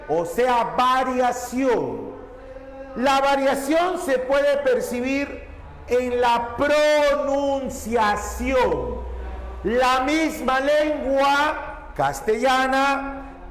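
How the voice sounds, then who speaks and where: A man with a Peruvian accent lectures a class in a very high, animated voice and takes his time. He repeats each point and checks that the students follow. His voice carries a long echo with a faint hum behind it. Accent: Peruvian Spanish. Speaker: teacher. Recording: echoey hall with faint background hum.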